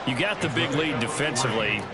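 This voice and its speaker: A man's voice: mid-range voice, lively intonation, fairly quick, heavy background noise. A man with an American accent calling a football game as the play-by-play announcer. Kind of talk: sports commentary.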